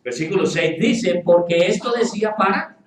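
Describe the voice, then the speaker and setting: A man preaching a sermon in a church, playful and animated, acting out quoted voices as he teaches. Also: high-pitched, normal speed, echoey room, recorded from a distance, slight background noise, low-quality recording. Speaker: pastor. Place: church hall with congregation.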